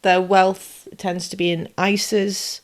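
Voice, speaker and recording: Speaking slowly in a mid-range voice with little pitch movement, this woman co-hosts a casual podcast. Her explanations lean on lists and comparisons, and she frequently checks that the listener is following.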